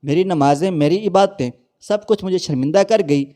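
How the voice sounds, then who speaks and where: A man's voice: high voice, warm tone, lightly acted. A man voicing a tired, tender old fruit-seller father who pleads and grieves, in a storybook reading. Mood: heartbroken. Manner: pleading, heartbroken.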